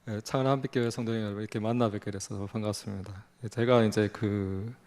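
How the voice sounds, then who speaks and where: Man, forties, Busan accent, gravelly voice, lay missionary giving a folksy church sermon. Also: fairly low pitch, fairly even intonation, fairly quick, darkish tone. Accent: Gyeongsang (Busan). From Busan, South Korea. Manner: folksy, self-deprecating, many fillers and restarts. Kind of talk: sermon, conversational testimony. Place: church sanctuary.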